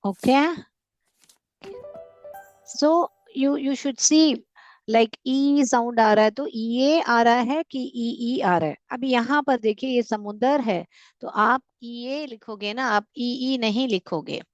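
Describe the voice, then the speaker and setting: A woman's voice: a little high, slow pace, muffled recording. A woman teacher giving an online phonics lesson, patiently spelling out sounds letter by letter and mixing Hindi with English. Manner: mixes Hindi and English, calls students "beta".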